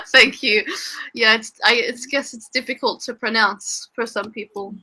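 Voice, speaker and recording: Bright-voiced young Australian woman. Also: fairly high pitch, measured pace. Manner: chatty, laughs often, many fillers. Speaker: English tutor. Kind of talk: casual online lesson chat. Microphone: video call.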